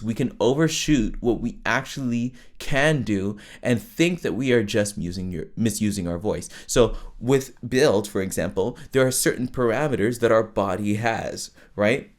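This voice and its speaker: A low-voiced man, a little mellow, coaches singers casually as a podcast host, reaching into falsetto when needed. His teaching monologue is conversational, dotted with fillers and restarts and frequent "right?"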